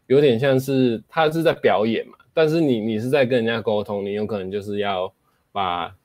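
Male host, lower pitch, dry close recording, casual explanatory delivery with spoken demos and fillers. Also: moderate pace, a little mellow, no echo. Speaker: host explaining speaking skills.

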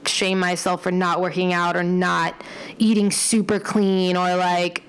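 A woman's voice: fairly low pitch, level tone, unhurried, clean tone, poor audio. A young woman in casual chat, rambling with many fillers and casual swearing.

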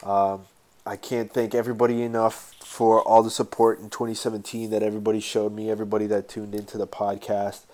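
Stuffed-up, mouth-breathing man, flat low voice. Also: fairly quick. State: stuffed-up nose, getting over a sinus infection. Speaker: podcast host. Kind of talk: casual solo podcast talk with sponsor plugs.

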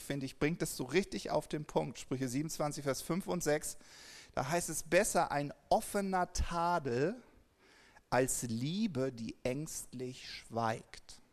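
A man preaching a devotional sermon, dropping to whispers for emphasis and acting out people's reactions in quoted voices. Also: on the high side.

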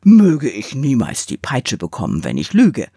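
A woman reading a fairy tale aloud and voicing a proud mahogany spinning top who boasts and woos in a slightly lower voice. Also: huge pitch swings, unhurried, gravelly, warm tone, slightly rough, no echo, clean studio sound, full character voice. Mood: boastful.

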